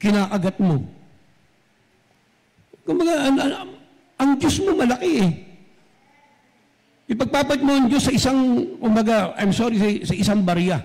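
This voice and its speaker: A man's voice: very high voice, lively intonation, moderate pace, long pauses, a little mellow. A man preaching a sermon as pastor, speaking straight to his congregation and switching between Tagalog and English. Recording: long reverb from a large hall.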